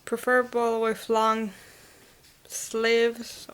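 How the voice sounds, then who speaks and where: A woman's voice: fairly high pitch, completely flat delivery, drawn-out words, smooth. A young woman vlogging casually at home, chatty and rambling, often correcting herself. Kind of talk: casual home vlog chat.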